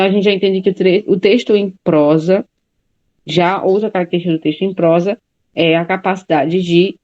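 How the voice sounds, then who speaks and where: A woman teaches a class at a medium pitch, her voice mellow and warm. She explains step by step and keeps checking that her students follow. The recording sounds slightly dull and lo-fi. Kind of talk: classroom lecture.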